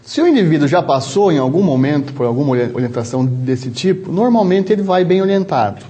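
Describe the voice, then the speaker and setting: A man with a São Paulo interior Brazilian accent, a doctor answering interview questions in a measured, explanatory way with frequent restarts. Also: on the high side, expressive, warm tone. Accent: São Paulo interior Brazilian Portuguese. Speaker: travel medicine doctor, guest.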